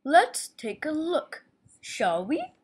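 A woman's voice: high-pitched, huge pitch swings, slow, heavily acted. C-3PO, fussy droid, voiced by a woman. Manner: prim, easily flustered, says "oh my". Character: fussy golden protocol droid reviewer, male. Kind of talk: homemade toy video narration.

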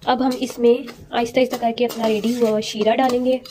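A woman hosts a home cooking tutorial in a slightly high, mellow voice. She explains each step calmly and addresses her viewers with polite formality. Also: fairly quick, slight background noise. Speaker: cooking channel host.

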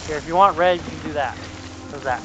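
A man's voice: on the high side, fast, background noise. A young man in casual gaming chat with friends, crude and teasing. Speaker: gamer playing with friends. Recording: muffled voice chat over game music.

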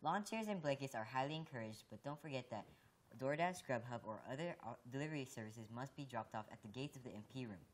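Very low-voiced teen girl, fast and bright. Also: animated, a little hiss or hum. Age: teens. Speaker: student news anchor. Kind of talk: reading school announcements.

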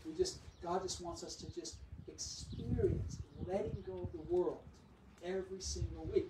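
A pastor preaches at a camp meeting in a fairly high voice. He swings between emphatic, ringing declarations and quiet, conversational asides. The recording is roomy and distant, with clear background noise. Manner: conversational, with frequent asides to the audience. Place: large hall or tent at a camp meeting. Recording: echoey, noisy room recording from a distance.

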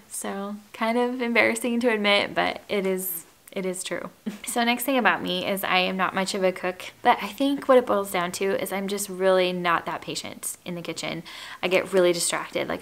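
Framed from the chest up in her living room with wood floors, a woman in her 30s who makes home and lifestyle YouTube videos does a casual get-to-know-me chat. She speaks in a calm, breathy, medium-pitched voice, gentle and chatty, laughing lightly.

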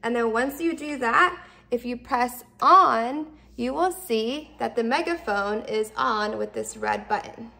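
At a measured pace and with a sharp tone, a woman in her thirties demonstrates a product casually in the open kitchen and dining area of her home. She is a product reviewer whose fairly high voice often goes into vocal fry, and she explains each step simply, tending to repeat things.

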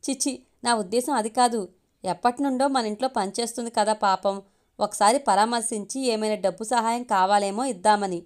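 A woman's voice: fairly high pitch, a little fast, darkish tone, close to an everyday voice. A woman voicing a joking, easygoing young husband in a storybook reading, who grows exasperated with his wife. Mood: sheepish. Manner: joking, then pleading and exasperated.

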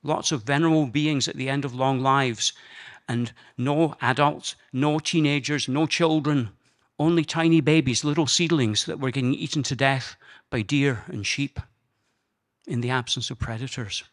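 An older Scottish man speaks to a conference audience, telling his personal story in an earnest, measured way. His voice is of middling pitch for a man. He talks into a handheld microphone in a conference room. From Scotland.

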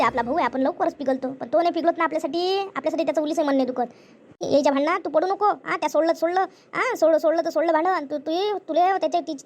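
A woman tells a family story in a chatty way. She repeats herself often, reassures the others and gossips about the family. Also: high voice. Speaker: storyteller voicing family members. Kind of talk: conversational family skit.

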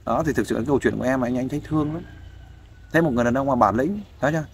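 A mid-range male voice talks very fast over slight background noise. He is a volunteer counselor interviewing a guest casually, giving fatherly, persuasive advice and often asking if they agree.

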